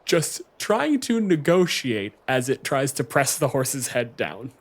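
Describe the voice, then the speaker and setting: Narrating an off-the-cuff tabletop RPG session as game master, this man keeps things casual and sweary. He speaks slowly at a medium pitch with big swings, over background music.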